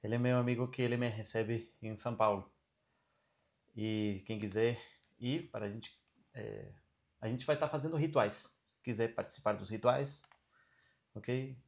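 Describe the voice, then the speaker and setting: Over a video call, a man teaches a casual online class on Vedic studies and Ayurveda, relaxed and frequently checking in with his listeners. His voice is medium-pitched with vocal fry, at a moderate pace broken by long pauses.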